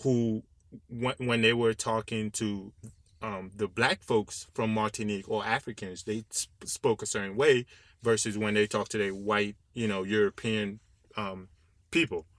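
A man's voice: lowish voice, steady tone, unhurried, fairly bright tone, dry recording. A man co-hosting a casual panel discussion, talking discursively and often checking in with rhetorical questions. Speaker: podcast co-host.

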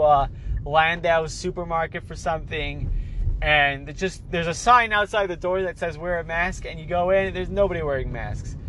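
A man who's come down with a cold rambles through a casual solo podcast chat. His voice is a little high and a bit bright, plainly nasal and stuffed up, and he keeps tripping over and repeating words as he restarts his sentences. There's slight background noise.

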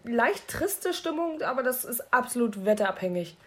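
A woman's voice: fairly high pitch, big pitch swings, moderate pace. A young woman, co-hosting a casual podcast chat, joking and rambling with frequent giggles. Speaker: podcast co-host.

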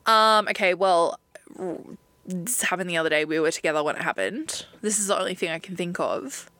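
An Australian woman co-hosting a podcast in casual, expressive chat, laughing easily as she talks. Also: on the low side, brisk, no echo. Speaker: podcast co-host.

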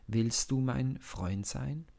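A man voicing a loyal young prince who speaks gently and earnestly in a storybook reading. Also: mid-range voice, takes it slowly, creaky, voice pushed up. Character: warm-hearted young prince, male, loyal friend.

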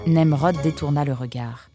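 A woman narrating an audiobook in an expressive storytelling manner. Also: deep voice, normal speed, faint music behind.

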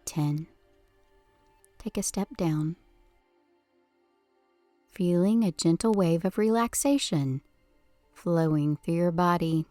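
A woman leading a guided hypnosis session with a slow, soothing countdown delivery, soft and breathy at phrase ends. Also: on the low side, no echo, soft background music. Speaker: hypnosis podcast host.

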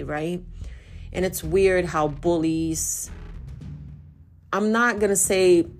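Low-voiced Brazilian woman podcasting. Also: creaky, a little hiss or hum. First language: Portuguese. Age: 40s. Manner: chatty, animated, self-correcting. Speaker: podcast host. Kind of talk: casual solo podcast.

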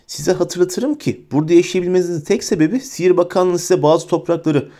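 A man voicing a shrill, pompous middle-aged woman official, haughty and easily frightened. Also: fairly quick, mellow. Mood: indignant. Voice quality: shrill, high-pitched.

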